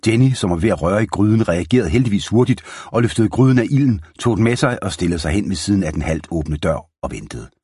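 A man narrating a children's western story in a calm, steady reading voice. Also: low voice, breathy edge, no room sound, studio quality.

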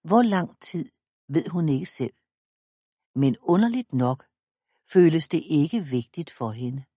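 Female audiobook reader, calm measured children's storytelling, low and mellow. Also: breathy edge, no echo, studio quality. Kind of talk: reading a children's book aloud.

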